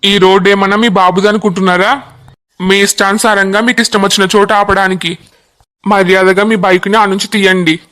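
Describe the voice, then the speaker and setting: A man's voice: high-pitched, level tone, fairly quick, sharp tone. A voice artist voicing a strict, scolding male police officer in a cartoon. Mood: stern. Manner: scolding, commanding.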